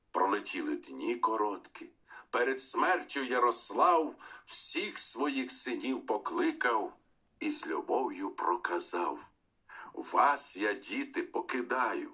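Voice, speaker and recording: A man giving an expressive, declamatory reading of a poem for a school lesson. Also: on the low side, slightly rough. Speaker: poetry reader. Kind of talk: expressive poetry recitation.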